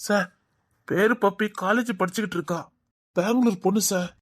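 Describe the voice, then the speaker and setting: A woman's voice: mid-range voice, normal speed, close to an everyday voice. A woman voicing a deferential assistant who politely explains things to her boss, in an amateur audio drama.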